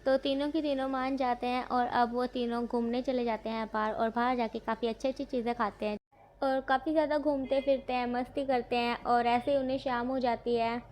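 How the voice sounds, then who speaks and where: Woman storyteller, casual retelling of a fan-fiction romance, slightly high voice, self-corrects often. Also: steady tone, a little fast, a little mellow, slight background noise.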